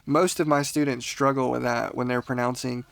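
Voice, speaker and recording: Man, gravelly voice, dry close recording, patient podcast teacher, laughs often. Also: mid-range voice, fairly even intonation, normal speed, fairly bright tone, no echo. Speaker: language teacher. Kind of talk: casual podcast lesson.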